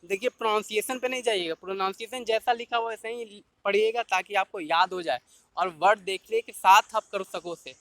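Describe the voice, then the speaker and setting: ऊँची, चमकीली आवाज़ वाला पुरुष शिक्षक. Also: male voice, high-pitched, bright, forceful tone, dry recording. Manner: repeats keywords slowly and drills mnemonic tricks. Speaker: vocabulary teacher. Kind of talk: exam-prep vocabulary lesson.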